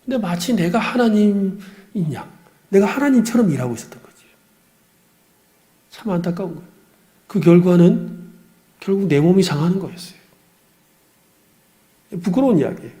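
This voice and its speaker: A man's voice: high voice, lively intonation, normal speed, pauses often, warm tone. A middle-aged man, a pastor, preaching an earnest, confessional sermon with personal stories.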